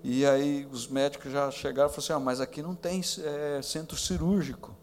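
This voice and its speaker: Man pastor telling a testimony, soft music. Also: steady tone, brisk. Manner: acts out quoted voices, rising high and loud; drops to hushed tones in tender moments. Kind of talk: sermon testimony storytelling.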